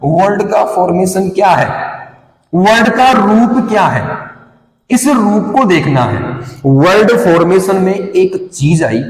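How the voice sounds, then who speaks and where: A man teaching an English lesson, drilling each term by asking a question and then answering it himself. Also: high-pitched. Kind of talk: classroom lesson, call-and-response drilling. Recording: echoey hall with long reverb.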